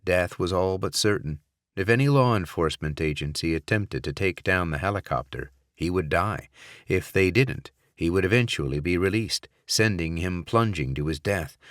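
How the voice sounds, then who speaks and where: A man with a fairly low voice reading a thriller audiobook. He narrates in a steady, measured way, on a dry, close recording. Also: no echo.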